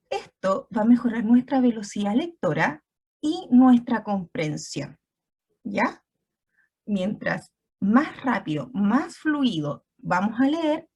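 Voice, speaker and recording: A woman's voice: mid-range voice, a little mellow, slightly rough. A woman teacher giving an online class, explaining step by step and often checking in with her students.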